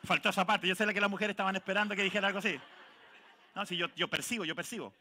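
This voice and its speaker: A high-pitched man with a Chilean Spanish accent preaches a lively sermon, teasing his congregation and calling people out by name. His voice is bright and ringing. He sounds like a pastor speaking to a church. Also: rapid-fire, a little hiss or hum.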